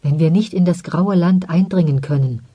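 A narrator voicing a weary young male warrior who speaks quietly and with resignation. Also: medium pitch, normal speed, slightly rough, muffled recording, natural voice. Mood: resigned.

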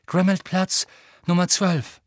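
A man voicing a desperate teenage boy wizard who shouts urgent demands. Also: high-pitched, level tone, slow, dry recording, studio quality, voice pushed up.

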